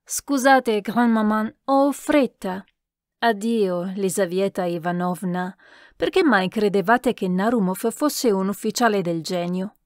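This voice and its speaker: A woman's voice: mid-range voice, unhurried, darkish tone, no room sound, clean studio sound, natural voice. A woman voicing a light, teasing young male officer in a read-aloud novel.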